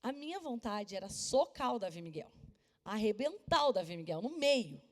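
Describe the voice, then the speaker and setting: A woman pastor from Brazil preaching a sermon and telling a personal story with emphatic, lively delivery, at times dropping to a soft voice. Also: a little high, moderate pace. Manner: animated, emphatic storytelling, drops to soft voice for quotes. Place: church. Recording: long reverb of a church hall.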